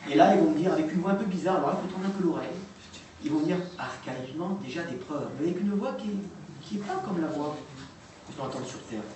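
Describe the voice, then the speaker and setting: In a noisy, echoey room picked up by a distant mic, a man with a high, expressive, mellow voice speaks quickly. He presents recordings to a live audience informally and hesitantly, with plenty of fillers and restarts.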